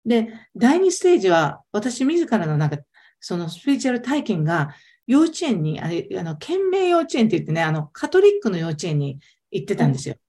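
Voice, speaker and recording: A woman talks quickly and eagerly as a guest in a casual interview. Her voice is warm and mellow, and her pitch swings widely as she stresses her points. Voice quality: animated, emphatic storyteller. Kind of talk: casual storytelling chat.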